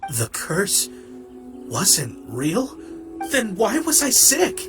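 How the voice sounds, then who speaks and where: A woman's voice: medium pitch, wildly swooping pitch, extremely slow, heavily acted. A woman voicing a timid, superstitious townsperson in a video game, with a flustered, hesitant delivery. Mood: bewildered. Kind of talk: animated video game voice acting. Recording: music behind the voice.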